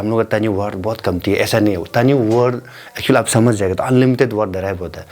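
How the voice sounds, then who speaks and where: A man explaining the parts of a word from his own language, talking slowly and haltingly and repeating syllables to show how they are said. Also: on the low side, darkish tone. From Northeast India. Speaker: language teacher. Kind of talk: explaining a word in casual Hindi.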